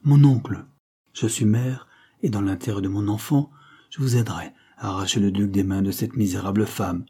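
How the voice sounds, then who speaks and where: A man reading the part of an earnest, proud young duchess in a storybook, with a pleading, gentle delivery in his husky voice. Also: lowish voice, steady tone, normal speed.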